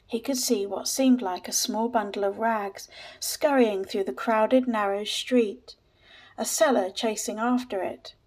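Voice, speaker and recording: A woman narrating a story in a steady, measured reading voice. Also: on the high side.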